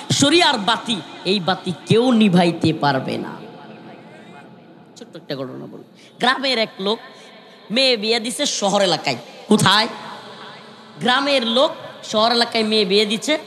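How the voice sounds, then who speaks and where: A man's voice: very high voice, bright, forceful tone. A man preaching a night-time Islamic sermon to a large gathering, calling out to the crowd and chanting Arabic verses in a sung tone. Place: large outdoor religious gathering. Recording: long reverb of a big PA.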